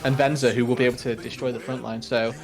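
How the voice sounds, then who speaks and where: A man's voice: medium pitch, level tone, fast talker. A man giving color commentary on an esports match, explaining tactics with a dry, teasing humor. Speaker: esports caster.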